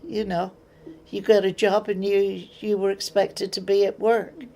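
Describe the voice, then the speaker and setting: Recorded roughly with a little hiss or hum, an older woman from England speaks in a medium-pitched, dark, flat voice at a slightly slow pace. With her English accent, she tells interview memories plainly and acts out past exchanges.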